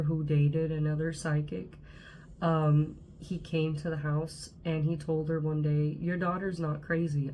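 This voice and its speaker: A woman in her twenties from Southern California talks casually to camera as a channel host, congested with a cold. Her low, darkish voice is chatty, full of fillers and frequent "okay?" check-ins. The audio is poor, with slight background noise.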